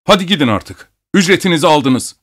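A man voicing a hot-tempered rich nobleman who yells in a shrill voice. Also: animated, normal speed, close to an everyday voice. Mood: commanding. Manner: shouting, outraged.

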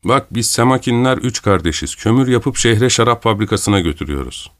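A man's voice: on the low side, animated, brisk, dry recording, lightly acted. A man putting on a smug, droning coal carrier. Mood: smug lecturing. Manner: droning, lecturing, self-satisfied. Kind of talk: read-aloud story voice.

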